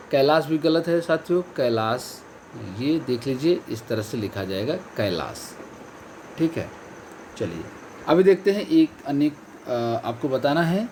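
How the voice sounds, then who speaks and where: A man's voice: on the high side, darkish tone, slight background noise. Man teaching exam spelling, repeating answers. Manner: repeats each correct answer, stressing key words; addresses viewers as friends and companions. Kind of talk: online exam-prep lesson.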